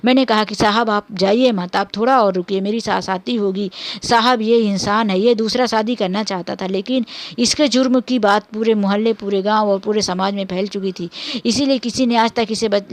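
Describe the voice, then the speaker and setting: A woman's voice: mid-range voice, no room sound, close to an everyday voice. A woman voicing a grieving village mother who was wronged for years, in a plaintive, sorrowful read-aloud story.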